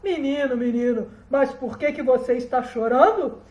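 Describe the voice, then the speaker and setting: A woman voicing a clever, kindly talking donkey who gives calm, patient advice. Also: high-pitched, moderate pace, natural voice. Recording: roomy echo.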